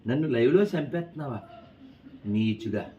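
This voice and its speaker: A man's voice: mid-range voice, animated, moderate pace, warm tone, close to an everyday voice. A man doing an indignant trapped donkey. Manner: wailing complaint. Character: frightened, indignant donkey stuck in a well. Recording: distant, dull with faint noise.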